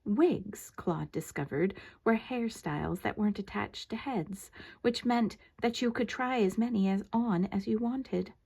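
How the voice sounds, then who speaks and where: A woman's voice: medium pitch, a little slow, vocal fry, darkish tone, slightly rough. An older woman with a grandmotherly manner reads a children's story aloud expressively, drawing out words for emphasis. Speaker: grandmother reading a children's book. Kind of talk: animated storybook narration.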